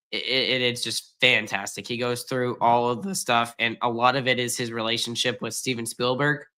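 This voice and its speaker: A man's voice: mid-range voice, bright, forceful tone, clear, resonant tone. A man co-hosting a casual podcast, a music teacher who talks emphatically and gushes as he urges listeners on. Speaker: podcast co-host; junior high music teacher.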